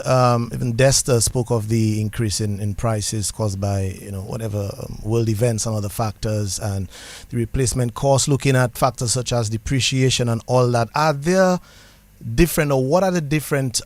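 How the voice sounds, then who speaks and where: A man hosting an interview, phrasing his words in a hesitant, halting way. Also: medium pitch, dry recording. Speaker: host.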